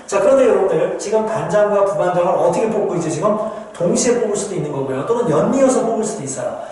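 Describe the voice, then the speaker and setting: A man's voice: sits high, lively intonation, fast, darkish tone. A man teaching a recorded math lecture, explaining step by step with patient repetition, speaking to his students and answering his own questions. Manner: explains patiently, keeps saying "ja" and addressing students; asks questions and answers them himself. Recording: echoey room with long reverb.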